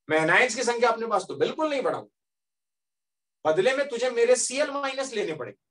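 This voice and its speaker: A man's voice: sits high, a bit bright. A male teacher voicing blood plasma as a helpful character who bargains in a classroom story. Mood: bargaining. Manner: reassuring, then firm and haggling.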